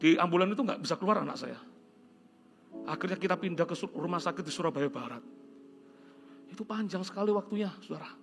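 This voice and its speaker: A middle-aged man from Indonesia preaching a sermon, telling a story earnestly and dropping to soft, prayerful tones. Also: high-pitched, lively intonation, fast, creaky, pauses often. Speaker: pastor. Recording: music playing behind. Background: soft guitar music.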